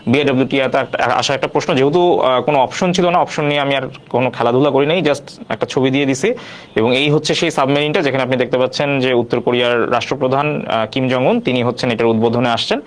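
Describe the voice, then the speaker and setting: A man's voice: mid-range voice, quick pace. A man teaching an online quiz class, repeating each question and prompting viewers to answer.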